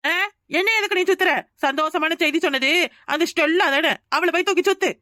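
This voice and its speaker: Jealous cartoon wife, voiced by a woman, sarcastic, high voice, Tamil accent, dry sound. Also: quick pace, sharp tone, no echo. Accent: Tamil Nadu Tamil. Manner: scolding, sarcastic. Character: jealous young wife, sharp-tongued and sulking. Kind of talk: cartoon dub voice acting.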